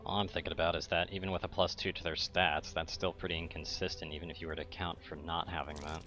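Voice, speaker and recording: A man's voice: low voice, level tone, fast talker, pushed and bright, soft background music. A young man playing a co-op game, chatting casually, swearing and arguing about rules. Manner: argumentative, swears a lot, pedantic about rules. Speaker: co-op gamer. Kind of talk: casual gaming chat.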